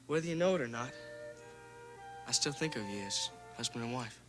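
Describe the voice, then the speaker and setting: A man's voice: medium pitch, animated, brisk, music in the background, natural voice. A man playing a young adult son in a television drama, casual, frank and affectionate with a wry edge. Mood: frank, reflective.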